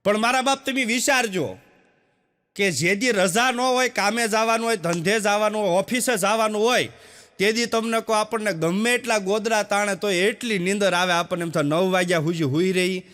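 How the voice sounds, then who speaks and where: A man's voice: high-pitched, moderate pace, a bit bright. A man delivers stand-up jokes on stage. He acts out the villagers and family in his stories with quoted voices. The sound carries a long hall reverb. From Gujarat, India. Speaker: stand-up comedian. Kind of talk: Gujarati stand-up joke telling. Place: stage show with a live audience.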